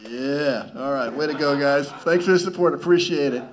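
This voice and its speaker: A man's voice: on the high side, moderate pace, heavy background noise. A male stand-up comedian telling a rambling story with stammers, restarts and chuckles.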